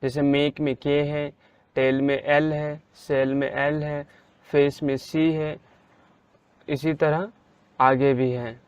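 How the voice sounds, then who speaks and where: A man teaching English pronunciation in a slow, deliberate way, saying each example word out loud with strong stress. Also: fairly high pitch, level tone, clear, resonant tone, dry recording, lo-fi sound. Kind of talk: slow spelled-out pronunciation lesson.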